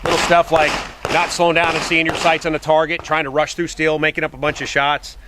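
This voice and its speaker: A man's voice: fairly high pitch, flat delivery, a little fast. A man vlogging casually at an outdoor shooting range, matter-of-factly walking through his plan and counting out shot sequences. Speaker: competitive pistol shooter and vlogger. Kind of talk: casual on-location walkthrough. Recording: noisy outdoor camera audio.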